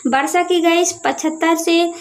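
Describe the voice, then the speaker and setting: High-voiced woman teaching a class. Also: steady tone, unhurried. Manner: asks questions and answers them herself; keeps addressing viewers as guys. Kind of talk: explaining a lesson over a map.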